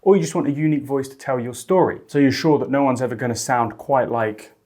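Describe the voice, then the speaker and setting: A man hosting a software tutorial, upbeat and chatty, explaining steps enthusiastically. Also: medium pitch, fast. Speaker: host.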